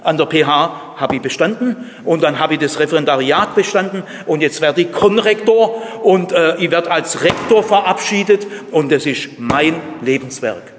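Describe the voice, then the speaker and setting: Loud self-satisfied braggart, as a preacher puts him on, long hall echo. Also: male voice, a little high, moderate pace, few pauses, pitched above the performer's own voice, natural voice. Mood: boastful. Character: boastful self-made man proud of his career. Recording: long reverb in a large hall.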